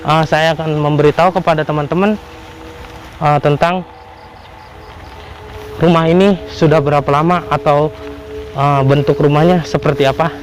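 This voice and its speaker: A man with a slightly high voice narrates an exploration vlog. He speaks haltingly to his viewers and often repeats his phrases. Music plays behind his voice. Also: steady tone, low-quality recording. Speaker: vlogger exploring abandoned houses. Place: abandoned roofless house and overgrown grounds in drizzle.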